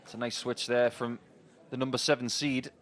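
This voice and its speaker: A man's voice: medium pitch, level tone, normal speed, music in the background. A man giving chatty live commentary on a darts match. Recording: loud crowd behind commentary. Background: darts crowd.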